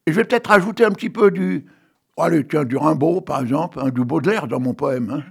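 A man's voice: a little high, quick pace, gravelly, breathy edge. A man in his eighties, a radio host who reads poetry and chats with his listeners, full of joking asides and tag questions. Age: 80s. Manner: chatty, joking asides to listeners, many "hein". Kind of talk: casual chat and poetry reading. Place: radio studio with a technician.

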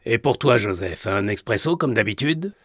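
A man's voice: lowish voice, lively intonation, normal speed, a bit bright, no room sound, studio quality. A man voicing a jovial, mocking café owner who banters with regulars.

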